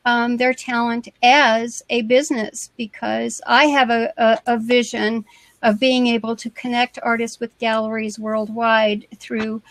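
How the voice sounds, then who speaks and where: A woman's voice: on the high side, flat delivery, measured pace, a bit bright, dry recording. A woman with a background in crowdfunding and venture capital, speaking hesitantly with many fillers on a video call. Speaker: crowdfunding consultant. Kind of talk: casual video-call chat.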